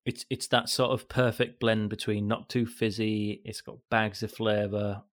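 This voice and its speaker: A man's voice: lowish voice, little pitch movement, a little slow, no room sound, studio quality. A man hosting a podcast, chatting in a laid-back way and swearing casually. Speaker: podcast host. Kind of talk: casual chat.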